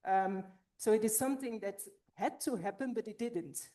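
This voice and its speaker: A woman's voice: medium pitch, normal speed, mellow. A woman presenting at an academic conference, a little out of breath and explaining her points as she thinks them through.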